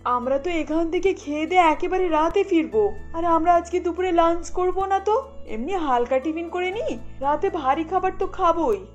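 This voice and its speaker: A woman voicing a greedy, flattering middle-aged aunt who visits to be fed, in a cartoon. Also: very high-pitched, normal speed, lo-fi sound, faint music behind. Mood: pushy.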